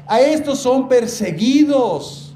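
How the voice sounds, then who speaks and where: Male pastor, sermon, high-pitched and emphatic, recorded in an echoey church room. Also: expressive, mellow. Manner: preaching, repeatedly addressing the congregation as brothers; emphatic, slows down to stress key words.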